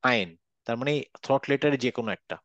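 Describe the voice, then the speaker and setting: A man's voice: mid-range voice, very fast, fairly bright tone, no echo, highs cut off. A man teaching a Quran recitation class online, patiently repeating examples and checking that students follow. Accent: Bangladeshi Bengali.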